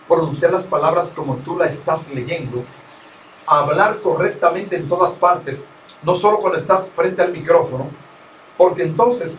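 A man's voice: on the high side, a little hiss or hum. A man with a Dominican accent, an experienced radio broadcaster giving an interview, talking in an emphatic, lecturing way and repeating his key points. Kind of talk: conversational interview, instructive. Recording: roomy, distant mic.

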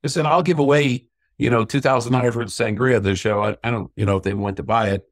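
A middle-aged man telling lively anecdotes in a casual interview about his sangria business. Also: fairly low pitch, rapid-fire, no room sound, studio quality. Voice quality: self-described stubborn Irishman. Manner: chatty anecdotal storyteller, acts out quoted voices. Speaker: sangria company owner.

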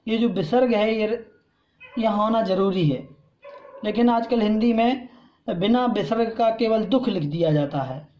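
A man teaching a scripture class, patiently explaining pronunciation and reciting verses slowly, syllable by syllable. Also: sits high, warm tone, dull audio. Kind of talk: slow recitation lesson with pronunciation drill.

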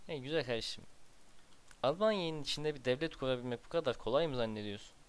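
A man talks his way through a strategy game, half to himself. His voice is smooth and clear at a middle pitch. He grumbles quietly and now and then flares up in frustration. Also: expressive, fast. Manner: muttering to himself, exasperated outbursts. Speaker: gameplay commentator. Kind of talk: casual strategy game commentary.

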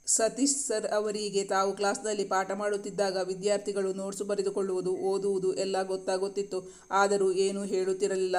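High, flat-voiced male storyteller. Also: brisk. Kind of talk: scripted narration.

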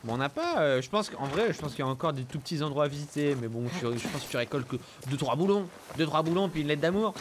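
A young man comments casually on a game he is streaming. His voice sits fairly high, and he is joking, excitable and easily startled, talking in slang. Faint game sound runs behind him. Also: fast, hardly any pauses, a little hiss or hum. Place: indoor room at home.

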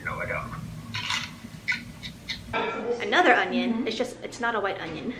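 Loud music plays behind a woman in her thirties as she unhurriedly shows off her groceries for her home vlog, her mid-range voice full of lively intonation. Chatty and upbeat, she lingers on some words. The living-room camera audio is roomy, with background hiss.

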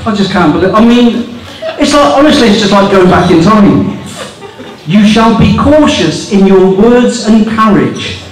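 A man's voice: sits high, animated, a little slow. Mocking stand-up man in an echoey club. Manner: mocking, incredulous, swears for laughs. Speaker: stand-up comedian. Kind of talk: stand-up set reading rules aloud. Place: small club stage with audience laughter. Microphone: handheld mic on stand. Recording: echoey room recorded from far off.

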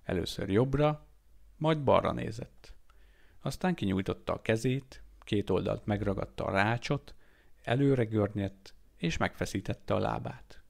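A man narrates an audiobook with a steady, measured delivery. His voice sits low and carries a gravelly edge of fry. It is a plain amateur reading. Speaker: audiobook reader.

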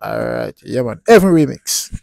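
A man's voice: mid-range voice, animated, moderate pace, creaky, darkish tone. A man with a Jamaican accent hosting a channel in Rasta speech, casually commenting on music in Patois with blessings and frequent affirming tags. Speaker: YouTube channel host.

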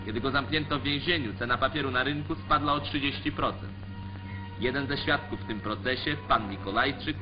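A man giving formal, declamatory scripted commentary for an old 1940s newsreel. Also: mid-range voice. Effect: old 1940s newsreel sound. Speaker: newsreel narrator. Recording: dull lo-fi 1940s newsreel track. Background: music under the voice.

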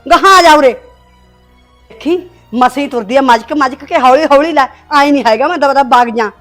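Speaking at a normal pace with a high pitch, an actress plays a nagging, harsh stepmother in a village short film. This middle-aged village woman scolds sharply in Punjabi, with a Punjabi accent, while faint music plays behind her.

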